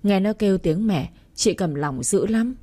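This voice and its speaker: A woman voicing a kind, gentle older single mother in a storybook reading, with a soft, husky voice. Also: mid-range voice, lively intonation, measured pace.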